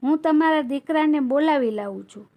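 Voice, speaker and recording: A gentle young bride speaks plainly and sincerely, voiced by a woman telling a folk tale. High, soft-spoken storybook delivery. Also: brisk.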